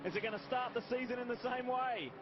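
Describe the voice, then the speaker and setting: Male motorsport commentator, lead race caller with a high voice, muffled broadcast sound over loud track noise. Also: fast talker. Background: loud race cars and trackside ambience.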